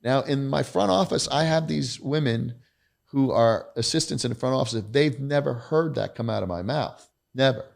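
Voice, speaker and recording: Gravelly middle-aged man, blunt and candid. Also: mid-range voice, normal speed. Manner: emphatic, blunt, self-deprecating. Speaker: podcast guest, retired federal agent. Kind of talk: candid conversational storytelling.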